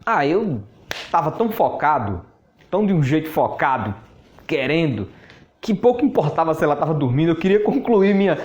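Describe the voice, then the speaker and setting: A man's voice: a little high, lively intonation, brisk, darkish tone, dull audio. A man, a network marketing mentor telling a story in a casual, chatty way, often laughing and repeating words. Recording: echoey room.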